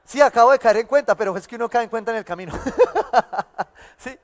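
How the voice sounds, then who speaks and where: A man with a Colombian accent preaching a sermon as pastor, who asks "¿sí?" after nearly every phrase and slows down to stress key words. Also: very high-pitched. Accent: Colombian Spanish. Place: church hall. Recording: church hall reverb.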